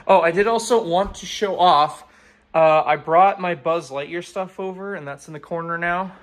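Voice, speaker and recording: A young man talking candidly in a casual vlog, rambling and swearing now and then. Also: on the high side. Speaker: vlogger.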